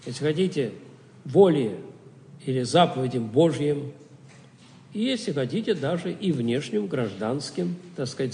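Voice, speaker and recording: A man's voice: fairly high pitch, dark tone, in a large hall. A man giving a spoken theology lecture, asking rhetorical questions and answering them himself, often stopping and restarting words.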